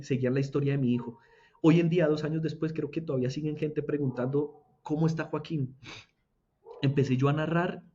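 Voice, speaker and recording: A young man recounts his faith testimony in an earnest, halting way, circling back over his own words. His voice sits a little high yet sounds mellow. The recording is dull and lo-fi. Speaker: interview guest giving a faith testimony. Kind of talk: emotional personal testimony.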